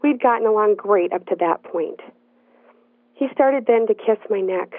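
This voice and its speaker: A woman telling a personal story in the first person, in an earnest, measured narrating voice. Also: mid-range voice, no echo. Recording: dry, tinny phone-like sound.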